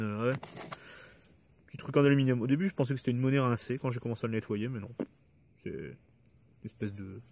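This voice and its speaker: A man walking through his metal detecting finds in a relaxed, hesitant way, with many fillers and asides. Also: fairly low pitch. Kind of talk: casual show-and-tell of finds.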